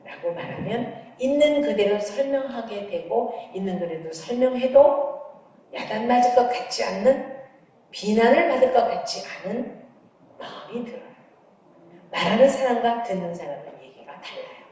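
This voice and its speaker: A middle-aged woman professor giving a lively lecture, telling funny stories and acting out dialogues. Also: on the high side, moderate pace. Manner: animated, humorous storytelling that acts out dialogues. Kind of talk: lively lecture with acted anecdotes. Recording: echoey hall from far off.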